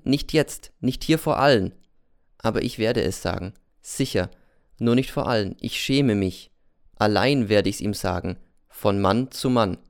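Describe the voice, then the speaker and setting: Male audiobook narrator, resonant and clear, mid-pitched, introspective. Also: no echo, studio quality. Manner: measured, introspective first-person telling.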